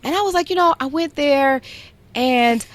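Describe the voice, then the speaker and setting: This podcast host is a young adult woman with a high-sitting voice and a normal pace. She tells a story in a playful, casual chat, filling her talk with "like."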